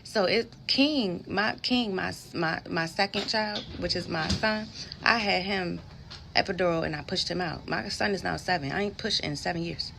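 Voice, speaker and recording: Young woman vlogging, gravelly lowish voice, swears freely, chatty with y'all. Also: moderate pace, bright, forceful tone, slight background noise. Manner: candid, swears freely, addresses viewers as y'all. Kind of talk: casual storytelling to viewers.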